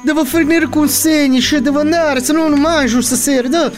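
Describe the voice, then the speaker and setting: A man's voice: very high-pitched, steady tone, moderate pace. Comic fantasy elf courier, male actor: North African accent, broken phrasing, scrappy, faint music behind. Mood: pleading. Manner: broken, foreign-sounding speech. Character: pleading, scrappy Tunisian elf delivery rider.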